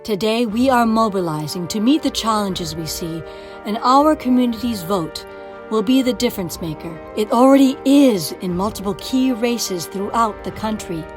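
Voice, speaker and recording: Woman, scripted voice-over, emphatic, mid pitch, faint music behind. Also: expressive, normal speed. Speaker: narrator of campaign video. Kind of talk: scripted rallying narration.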